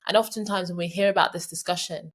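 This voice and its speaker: A woman's voice: on the low side, fairly even intonation, fast, slightly rough. A woman hosting a podcast interview, introducing her guest and asking questions with many hesitations and fillers. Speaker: podcast host.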